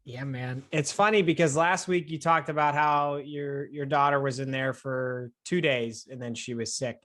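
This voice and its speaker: A man's voice: mid-range voice, fairly even intonation, moderate pace, a bit bright. A young man co-hosting a podcast in a casual, conversational style. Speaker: podcast co-host.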